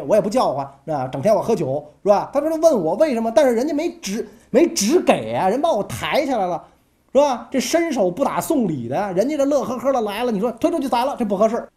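A woman's voice: medium pitch, mellow. A woman telling history stories in a chatty, colloquial way, often asking the listener for agreement. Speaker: storyteller. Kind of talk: casual history storytelling.

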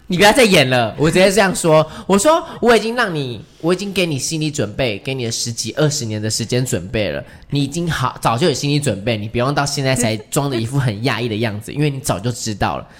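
A man chatting as a guest, telling family stories in a lively way and acting out what his relatives said. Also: a little high. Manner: lively, acts out family members' lines. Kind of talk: casual storytelling chat.

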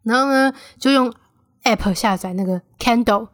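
A woman's voice: a little high, normal speed, dry recording, studio quality. A woman of twenty with a Taiwanese Mandarin accent, chatting casually as the host of her solo podcast. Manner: chatty, animated when quoting friends.

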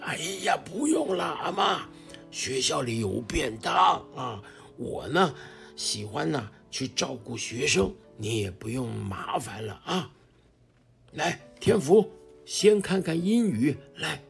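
Burly middle-aged teacher, jovial and hearty, lively storybook voice; acted by a woman narrator. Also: deep voice, vocal fry, soft background music, voice pushed up, exaggerated voice. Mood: encouraging. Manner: jovial, drawn-out encouraging lines with chuckles.

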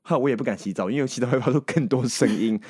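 A man telling a personal story in lively casual chat. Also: mid-range voice, racing, slightly rough, no echo, studio quality.

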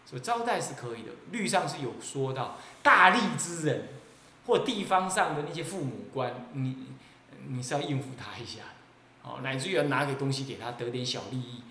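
A man from Taiwan with a Taiwanese accent, an abbot giving a Buddhist sermon in a lively, mocking way and often laughing. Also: mid-range voice, a little fast. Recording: echoey roomy recording.

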